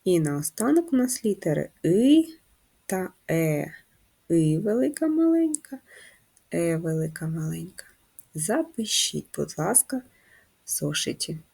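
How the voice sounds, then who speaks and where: Patient husky woman teaching first graders. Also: lowish voice, sing-song, mellow. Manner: slow, patient, guiding children step by step. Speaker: primary school teacher. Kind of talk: handwriting lesson for first graders.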